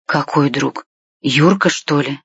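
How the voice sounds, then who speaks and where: A woman voicing a fussy elderly grandmother who nags and scolds with shrill questions. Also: expressive, moderate pace, slightly rough, no echo. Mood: startled. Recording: dull, dry lo-fi recording.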